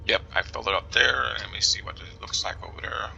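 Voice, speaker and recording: A man with a New Jersey accent and a fairly low, creaky, sharp-toned voice plays a flight sim while musing out loud in casual commentary. He takes instructions slowly when reading them and often drops to a whisper, and the audio has its highs cut off.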